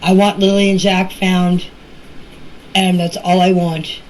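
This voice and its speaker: A woman rambles casually through a personal story in folksy, plain language, sent as voice messages that are noisy with background ambience. She speaks slowly in a low-leaning, level, a little mellow voice.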